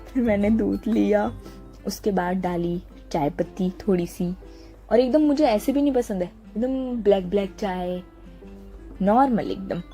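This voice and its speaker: A young woman from India talks through her day in an easy, chatty voice-over, often stopping to hunt for the right word. Her voice is warm and mellow, set at an ordinary middle pitch. Quiet music plays behind her. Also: unhurried. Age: young adult. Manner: chatty, searching for words, frequent laughs. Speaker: vlogger. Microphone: small handheld mic.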